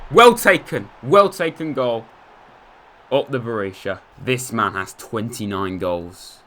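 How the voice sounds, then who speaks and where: A young English man giving casual commentary over a football video game, chatty, muttering asides and cheering loudly at goals. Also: lowish voice, slight background noise. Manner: chatty, swings between mumbled asides and excited shouts at goals. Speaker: gaming youtuber. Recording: light music behind.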